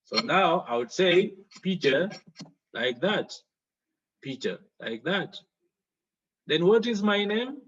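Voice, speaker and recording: A man's voice: high voice, big pitch swings, takes it slowly, long pauses, a bit bright, breathy edge, dull audio. A man teaching a French exam lesson, explaining each step with worked examples.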